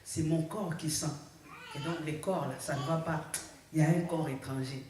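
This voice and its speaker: Preaching in a low voice with a steady tone at moderate pace, a woman pastor frequently calls "Alléluia" so her congregation will respond. The background is noisy with the congregation answering "Amen", and the distant mic makes everything very echoey.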